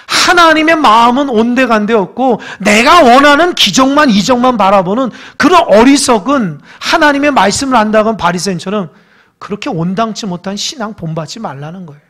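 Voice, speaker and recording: Emphatic male pastor preaching. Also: high voice. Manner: emphatic, rhetorical questions, swings loud and soft. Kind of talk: Sunday sermon. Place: church.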